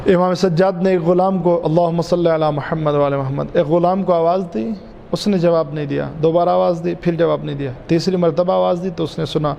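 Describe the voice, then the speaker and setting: A man's voice: on the high side, steady tone, creaky, warm tone, slight background noise. Male cleric, emphatic repetitive preaching, long hall reverb with faint background ambience. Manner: repeats key phrases, drawn-out emphatic delivery; addresses listeners as dear ones. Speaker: Shia cleric giving a majlis sermon. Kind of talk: Urdu majlis sermon. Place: mosque.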